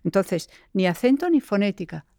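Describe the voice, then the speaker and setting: A middle-aged woman from Galicia, a poet, speaking reflectively in an interview and pausing often with fillers and restarts. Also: medium pitch, very animated, mellow, no echo, studio quality. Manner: thoughtful, pauses with fillers and restarts.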